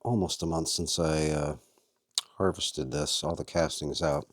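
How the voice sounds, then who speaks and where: A man's voice: very deep voice, fairly even intonation, measured pace, no echo, studio quality. A man hosting a casual how-to video, chatting as he works and talking to his worms. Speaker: vlog host and worm farmer.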